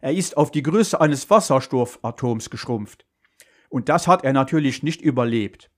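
A man voicing a calm male superhero who answers an emergency call, explaining in a steady, matter-of-fact way. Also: medium pitch, normal speed, lightly acted. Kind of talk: school radio story reading.

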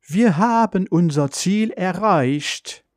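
A man voicing a polite, know-it-all robot car that speaks in an even, informative way. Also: high voice, slow, no room sound, clean studio sound, pitched above the performer's own voice. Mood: announcing. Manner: even, informative, slightly reproachful.

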